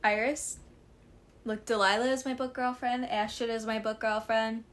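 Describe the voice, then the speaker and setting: A woman's voice: a little high, little pitch movement, moderate pace. A young woman, chatting casually about books she read, full of fillers, her voice a little sore. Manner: chatty, gushing, many fillers like "like". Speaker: book vlogger. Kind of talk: casual book review chat.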